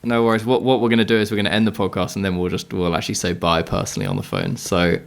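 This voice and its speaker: A man's voice: low voice, lively intonation, very fast, creaky. A man hosting a podcast, casual and laid-back, swearing and laughing often. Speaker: podcast host. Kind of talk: casual chat.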